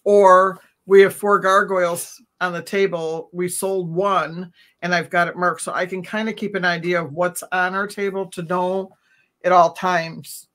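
A middle-aged woman on a video call from home, calmly explaining her routine step by step as an interview guest. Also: fairly low pitch, a little slow. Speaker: reptile vendor guest. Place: home room. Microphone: webcam on a video call.

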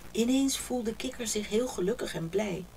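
A woman reading a children's picture book aloud, telling the story warmly and expressively. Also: on the high side, lively intonation, moderate pace, gravelly, slight background noise, poor audio.

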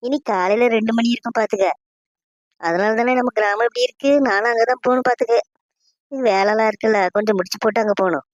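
A woman's voice: on the high side, fairly even intonation, fast talker, no echo, dull audio, close to an everyday voice. Woman doing a gossipy young woman, talk, dry close sound. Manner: gossipy, worried. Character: chatty young village woman. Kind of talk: cartoon voice acting.

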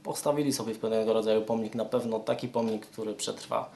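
A man's voice: on the low side, fairly even intonation, fast, vocal fry, darkish tone, a little hiss or hum. A man giving a spontaneous interview comment, hesitantly searching for words.

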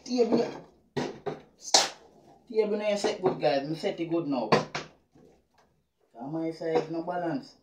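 A young man with a Jamaican accent, bantering casually and excitably during a game challenge, picked up by a distant camera mic. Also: a little high, takes it slowly, long pauses. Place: small bare room indoors. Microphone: camera a few metres away. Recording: echoey room, distant mic, loud noise and clicks.

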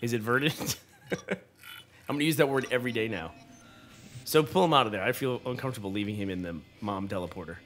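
A man's voice: mid-range voice, quick pace, fairly bright tone. A man co-hosting a kids' gameplay show, chatting casually with his son as they play. He is curious and playful, asks lots of questions and cheers his son on.

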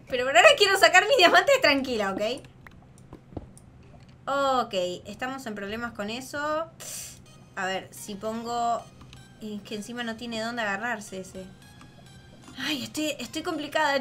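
Excitable Rioplatense woman gamer, shrieking. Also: a little high. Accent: Rioplatense Spanish. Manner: excitable, dramatic, laughs and shrieks often. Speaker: gaming channel host. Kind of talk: casual gameplay commentary. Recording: faint game music behind.

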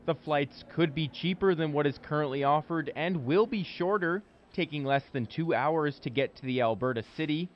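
Young canadian guy reporter reading news script, slightly high voice, muffled noisy track. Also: moderate pace, few pauses.

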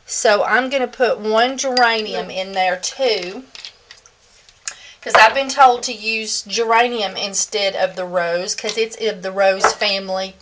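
A woman's voice: mid-range voice, unhurried, background noise. A woman talking casually through a homemade soap-making vlog, chatty and rambling with fillers, at home in her kitchen. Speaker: soap maker.

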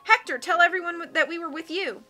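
A bookish teenage boy speaks up urgently and defiantly, as a woman puts him on. The voice is raised and bright in a storybook reading. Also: fairly high pitch, brisk, faint music behind.

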